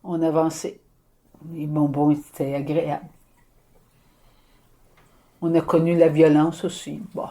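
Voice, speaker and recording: Slow, hushed Québécois woman. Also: low-pitched, flat delivery. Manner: slow, halting phrases with soft whispered asides. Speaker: spiritual medium. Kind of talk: inspired prophetic message.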